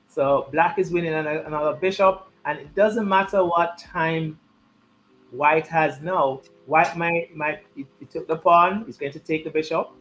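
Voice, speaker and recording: A man's voice: on the high side, a bit bright, a little hiss or hum, poor audio. A man giving live chess commentary and chatting, repeating his key points for emphasis.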